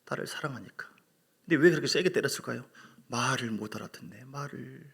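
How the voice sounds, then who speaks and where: This sermon comes from a middle-aged male pastor whose medium-pitched voice is creaky with a breathy edge, moving at a fairly quick clip. He's animated, stressing his stories, voicing quotes, and putting questions to the congregation.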